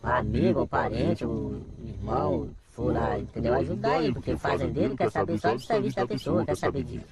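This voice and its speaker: A man's voice: medium pitch, wildly swooping pitch, fairly quick, gravelly, over a noisy crowd. An anonymous chainsaw worker, a man whose voice is altered by a voice changer, giving plain-spoken interview answers and often asking "entendeu?".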